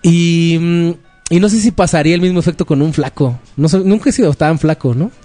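A Mexican man in his thirties hosts a podcast, trading jokes and slang in relaxed banter. His voice sits a bit high for a man. Soft music plays underneath. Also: fairly quick, no echo. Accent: Mexican Spanish. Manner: joking, chatty slang-filled banter. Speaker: podcast host. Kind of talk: casual chat.

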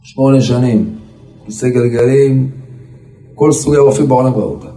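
A man, a rabbi, telling stories of a holy sage in a dramatic, animated sermon. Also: mid-range voice, far from the mic. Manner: animated, dramatic storytelling, rising to shouts for emphasis. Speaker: rabbi and preacher. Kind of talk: storytelling sermon at a gathering. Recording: echoey hall with faint music.

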